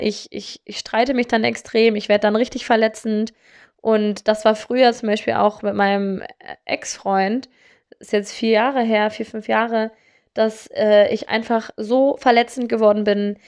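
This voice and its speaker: A woman's voice: medium pitch, darkish tone, smooth. A young woman telling candid, self-deprecating stories about herself in casual talk, with many fillers and restarts. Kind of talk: casual personal storytelling.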